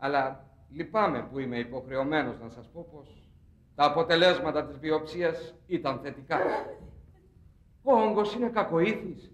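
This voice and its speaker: An actor playing a measured family doctor in a stage drama, formal and hesitant as he breaks bad news. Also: fairly high pitch, fairly bright tone, lightly acted. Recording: roomy stage sound, faint hiss.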